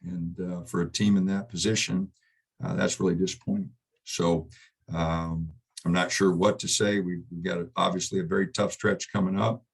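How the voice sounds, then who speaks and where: Low gravelly coach, subdued postgame. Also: male voice, little pitch movement. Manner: halting, subdued, many fillers and restarts. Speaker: basketball head coach. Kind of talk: postgame press conference.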